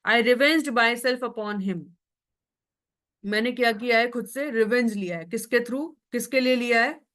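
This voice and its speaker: Woman grammar tutor, Hindi lecture, slow careful English examples, frequent check-ins. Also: on the high side, fairly bright tone. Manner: explains in Hindi, reads English examples slowly; checks in with students often. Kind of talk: online class lecture.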